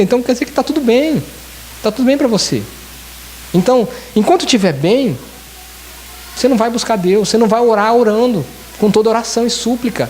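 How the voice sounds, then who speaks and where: A man preaching with a fairly high voice, earnest and pleading as he addresses the congregation directly. He keeps circling back to his key phrases. A faint hiss runs under the recording. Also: a little mellow. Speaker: church elder preaching. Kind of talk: sermon. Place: church service in Japan.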